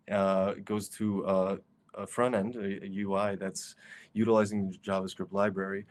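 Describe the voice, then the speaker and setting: Low, flat-voiced man giving a talk. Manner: casual, with frequent fillers and restarts. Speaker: conference speaker. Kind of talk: virtual conference talk and Q&A. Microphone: video call.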